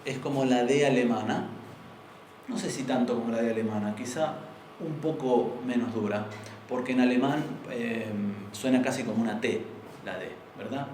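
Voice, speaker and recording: A man's voice: medium pitch, normal speed, a little mellow, recorded from a distance, slight background noise. A young man with an Argentine accent teaching an informal university class, explaining patiently and often checking with students. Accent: Argentine Spanish. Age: young adult. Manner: explanatory, asks the class for agreement. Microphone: far room microphone. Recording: very echoey room recorded from afar.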